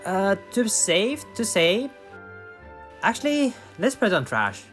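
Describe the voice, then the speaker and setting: Gaming commentator, male, higher voice, casual and thinking aloud, faint music bed. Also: big pitch swings, slow, fairly bright tone. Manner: thinks aloud with fillers and restarts. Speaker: gaming YouTuber. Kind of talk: casual tier list commentary.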